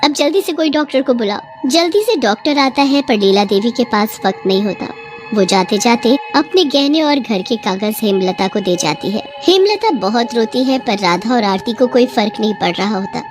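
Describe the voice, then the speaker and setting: A woman narrating a bedtime horror story in a steady, expressive manner. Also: a little high, moderate pace, music in the background.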